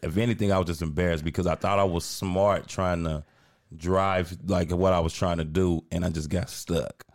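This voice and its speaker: A man's voice: sits low, steady tone, normal speed. A man co-hosting a podcast in casual chat, laid-back and slangy, often tagging on "you know what I mean". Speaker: podcast co-host.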